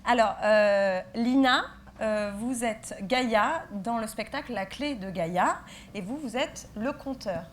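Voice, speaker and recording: Friendly woman interviewer, slightly high. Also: a little slow, a little hiss or hum. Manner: friendly, hesitant with many fillers. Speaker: web TV interviewer. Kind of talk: festival interview.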